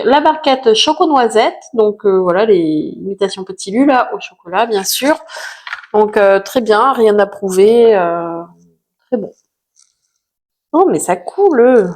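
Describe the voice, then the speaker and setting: A woman's voice: fairly high pitch, darkish tone. A woman chatting casually to camera about used-up products, self-mocking, with lots of fillers. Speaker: vlogger reviewing finished products.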